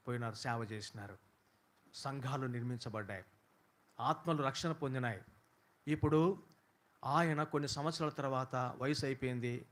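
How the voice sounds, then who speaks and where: A man preaching a sermon, telling a story and building to loud, impassioned questions. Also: mid-range voice.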